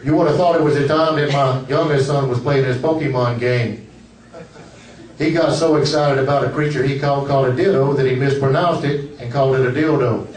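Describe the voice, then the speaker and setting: An older man doing a stand-up set in a comedy club, nervous and self-deprecating, with a halting delivery. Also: mid-range voice, a little mellow, a little hiss or hum. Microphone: camera out in the audience. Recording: roomy club, distant camera mic, laughing crowd. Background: audience laughter.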